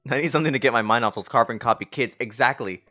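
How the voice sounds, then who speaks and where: A man's voice: mid-range voice, racing, bright, forceful tone, soft background music. A man streaming a game playthrough, chatting casually and reading game text aloud while hot and tired. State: overheated and tired. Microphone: old home streaming setup. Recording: dull lo-fi stream audio.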